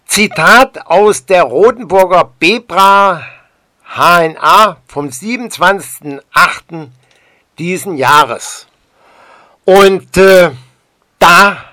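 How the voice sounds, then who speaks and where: A man delivers a prepared address to the public at a slow, deliberate pace. His voice sits a little high, and he stresses his points with indignant, rhetorical emphasis. The sound is dry and close, with no room around it. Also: bright, forceful tone, dry recording.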